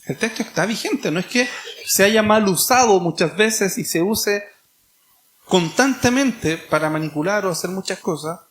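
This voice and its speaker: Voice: mid-range voice, lively intonation, moderate pace. A preacher with a Chilean accent giving an emphatic sermon, repeating key phrases and asking rhetorical questions. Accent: Chilean Spanish.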